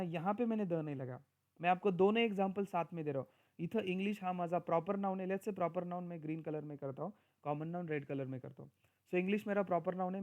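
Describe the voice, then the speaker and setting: A man gives a recorded grammar lecture. He explains step by step, slows down for each example sentence and keeps checking that his listeners are following. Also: high voice, a little mellow. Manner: mixes Hindi and Marathi with English; says example sentences slowly and deliberately. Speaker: English grammar teacher.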